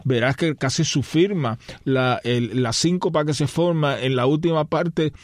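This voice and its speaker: A man's voice: fairly high pitch, measured pace, no room sound. A man speaking as a pianist guest in an interview. He hesitates, restarts often, and hums out rhythms with syllables to explain how music should sound. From Spain. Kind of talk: conversational interview.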